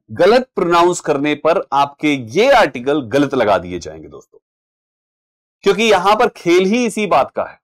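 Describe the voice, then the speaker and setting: Man teaching English grammar. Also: a little high. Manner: explains patiently, repeats words, calls students "friends" and "dear children". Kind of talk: exam-prep English lesson.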